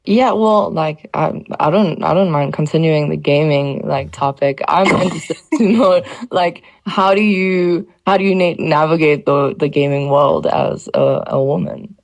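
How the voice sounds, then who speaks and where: A woman's voice: sits low, a little slow, creaky, rough recording. A woman from South Africa co-hosting a podcast, speaking thoughtfully and hesitantly. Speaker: podcast co-host. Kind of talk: casual chat.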